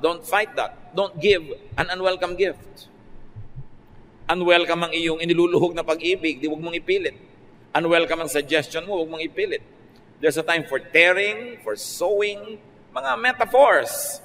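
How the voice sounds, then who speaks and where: A Filipino pastor preaches with easy, joking asides in a somewhat high voice. His words ring out with a long reverb in a large hall. A faint ambient hum sits under the talk. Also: a bit bright. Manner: conversational preaching, mixing Tagalog and English, playful asides. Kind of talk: sermon.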